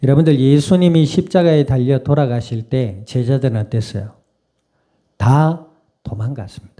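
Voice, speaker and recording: A man's voice: mid-range voice, moderate pace, mellow. A male pastor, preaching in a conversational way and often putting questions to the congregation. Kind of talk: sermon.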